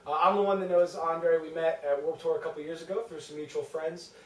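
20s band singer, talks fast and jokey, echoey room, far from the mic. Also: male voice, fairly high pitch, steady tone. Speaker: band singer being interviewed. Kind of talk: casual interview answers. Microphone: far camera.

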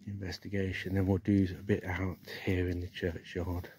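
Investigating a haunted church, an English man speaks in a deep, mellow voice at a moderate pace and level tone, with a little hiss or hum on the phone recording. He firmly addresses spirits, then reflects plainly on the structure. The handheld footage moves from the churchyard outdoors into the church porch.

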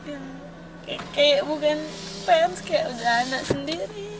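A woman's voice: high voice, unhurried, background noise. A young woman, a visiting fan, talking earnestly and emotionally while saying goodbye. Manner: earnest, emotional, tearful farewell. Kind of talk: casual chat.

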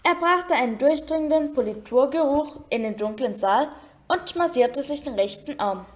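Woman, audiobook reader, expressive, slightly high voice. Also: moderate pace. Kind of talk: storybook reading.

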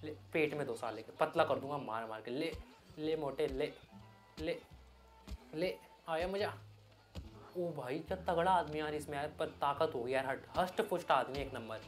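A man giving loud, excited Hindi gameplay commentary as a gaming YouTuber. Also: on the high side, normal speed, faint music behind. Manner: loud, hyped, yelling at the game.

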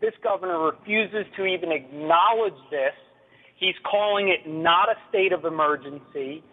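A man's voice: sits high, normal speed, slightly rough. A man calling in to a radio show over a phone line, complaining angrily and urgently. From New Jersey. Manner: angry, urgent, indignant complaint.

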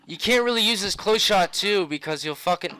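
A young man commentating on a video game in a panicked, exasperated manner, swearing and yelling in rage. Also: high-pitched, animated, brisk, low-quality recording. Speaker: gamer.

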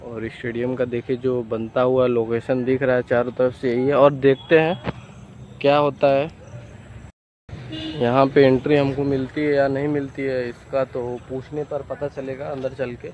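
A man's voice: mid-range voice, level tone, normal speed, a little mellow. A young man chatting casually to viewers in a walking vlog, filmed outdoors on a phone held at arm's length. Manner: chatty, addresses viewers directly. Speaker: vlogger. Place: outdoors by a highway and fields. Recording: dull lo-fi phone audio, faint outdoor noise.

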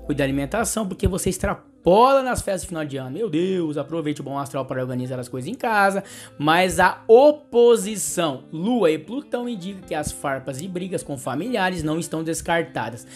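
A man with a Brazilian Portuguese accent hosting an astrology channel. He reads the daily horoscope and pitches his services, speaking to the listener directly in an affectionate, upbeat way. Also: animated, a little fast, soft background music. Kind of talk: horoscope reading and sales pitch.

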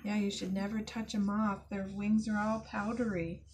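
A woman educator reading a picture book aloud to children, expressive and chatty with asides to the kids. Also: medium pitch, moderate pace, slight background noise. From United States. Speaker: zoo educator. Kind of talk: children's storytime read-aloud.

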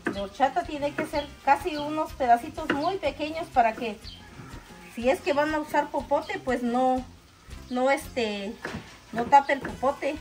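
A middle-aged woman with a high-pitched voice talks viewers through her cooking step by step. She is casual and homely, speaking in an outdoor kitchen with music behind her. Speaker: host of a home cooking video. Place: outdoor covered backyard kitchen.

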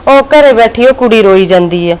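A woman's voice: fairly high pitch, lively intonation, fairly quick, a little mellow, slight background noise, natural voice, poor audio. An older woman playing a worried, soothing mother. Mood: motherly. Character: worried old village mother.

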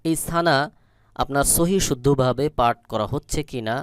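A man with a Bangladeshi Bengali accent teaching Quran recitation, spelling out syllables slowly and deliberately and repeating them. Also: mid-range voice, smooth, no room sound, clean studio sound.

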